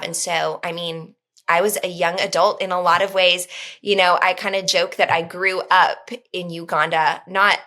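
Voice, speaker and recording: A woman in her thirties, a podcast guest speaking in an earnest, reflective way with frequent pauses and fillers. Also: fairly low pitch, sharp tone. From United States. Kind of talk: podcast conversation.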